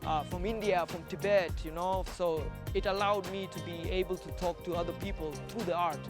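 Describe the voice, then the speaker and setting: A Kenyan street artist talks casually and reflectively in a documentary, both in interview and while walking along, often repeating words for emphasis. His voice is high-pitched and steady, his pace brisk, with music playing in the background.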